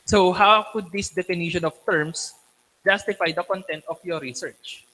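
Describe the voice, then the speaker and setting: A man on a thesis panel, questioning critically in a deliberate, instructive academic manner. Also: high-pitched, steady tone, sharp tone. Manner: deliberate, instructive, frequently checking with "okay". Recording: echoey hall with long reverb.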